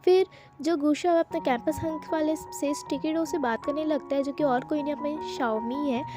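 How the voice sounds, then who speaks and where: A woman's voice: sits high, fairly even intonation, moderate pace. A woman casually retelling the plot of a drama episode in a chatty, loose way, with many fillers. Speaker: drama recap narrator. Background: background music.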